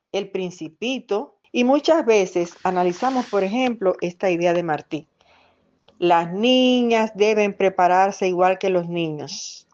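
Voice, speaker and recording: A mother tenderly recalling reading with her daughter, in a measured way. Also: on the low side, a little mellow. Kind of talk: interview recollection. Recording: dull lo-fi sound.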